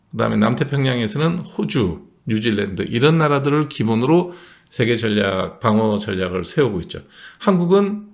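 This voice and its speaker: A man delivering a political commentary monologue, explaining points emphatically and punctuating them with short affirmations. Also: mid-range voice.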